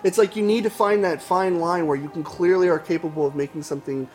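A man's voice: sits high, fairly even intonation, quick pace. Rambling man in casual chat. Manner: rambling, many restarts and fillers.

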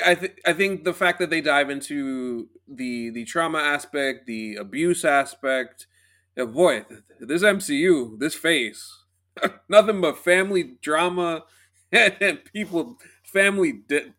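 A man's voice: on the high side, takes it slowly, bright, forceful tone. An easygoing man casually discussing a TV show, chuckling as he talks. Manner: easygoing, laughs while talking.

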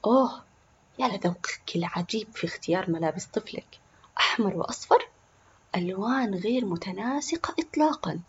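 A woman's voice: medium pitch, lively intonation, fast talker, a little mellow, lo-fi sound, slight background noise, lightly acted. A woman voicing a condescending, nosy neighbor in a storybook. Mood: snide. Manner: snide, condescending.

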